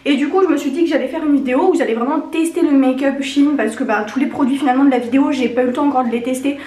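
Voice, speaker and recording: A young woman talks in a high-pitched voice with a honking, congested edge from a lingering cold. She rambles informally as a beauty vlogger reviewing makeup. The room around her sounds noticeably echoey. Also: racing, warm tone. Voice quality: slightly honking, congested duck-like voice. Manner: chatty, rambling, informal slang. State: getting over a cold. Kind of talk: casual chatty makeup review.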